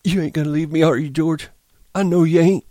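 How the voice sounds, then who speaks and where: A man's voice: on the high side, fairly even intonation, fairly quick, mellow, pitched above the performer's own voice, close to an everyday voice. A man voicing a simple, childlike, easily upset man from a novel, plaintive in rural American dialect. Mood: hopeful pleading.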